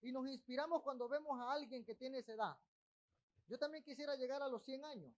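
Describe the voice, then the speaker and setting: A pastor preaching a sermon in a church, his voice sitting high for a man. He throws quick asides to the congregation between his points. The recording sounds dull and lo-fi. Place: church in Texas.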